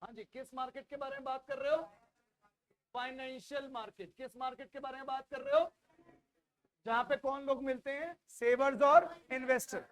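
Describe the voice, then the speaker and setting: Loud high-voiced Indian male teacher. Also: fairly even intonation, moderate pace. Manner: loud, repeats questions for the class to answer. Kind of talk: classroom lecture with call-and-response drilling. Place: classroom.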